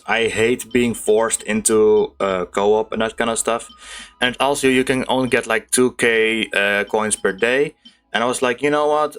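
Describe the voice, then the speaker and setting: A young gaming video host gives casual let's play commentary over game music. He rambles informally and corrects himself as he goes, in a mid-range, fairly bright voice.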